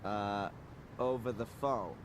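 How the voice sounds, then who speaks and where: A man playing a sceptical adventure-game hero, musing in a dry, deadpan way. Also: fairly low pitch, takes it slowly, background noise. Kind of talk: video game voice acting, item commentary.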